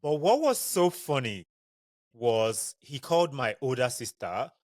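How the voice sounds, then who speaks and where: Young Nigerian man, podcast host, candid storytelling monologue, mid-pitched, dry booth sound. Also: a little slow, no echo. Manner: chatty, digressive, candid and expressive. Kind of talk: casual personal storytelling monologue.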